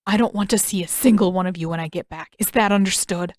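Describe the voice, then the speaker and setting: A woman's voice: lowish voice, fast, a little mellow, dry recording, studio quality, lightly acted. A woman voicing a hot-tempered young male prince in a fan audiobook reading, snapping and indignant. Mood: furious.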